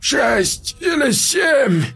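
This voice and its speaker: A man voicing a panicked young male corporal who stammers, gasps and shouts. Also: high-pitched, sing-song, a little slow, gravelly, breathy edge, soft background music, pitched above the performer's own voice, heavily acted. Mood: choking. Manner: stammering, gasping, shouting in hysteria.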